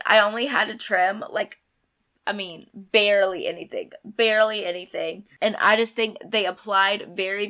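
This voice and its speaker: A young woman reviewing a beauty box in a chatty, emphatic way, hoarse and sick with a sore throat. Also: medium pitch, bright, forceful tone. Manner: chatty, emphatic, rambling asides. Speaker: beauty vlogger. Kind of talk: casual unboxing review.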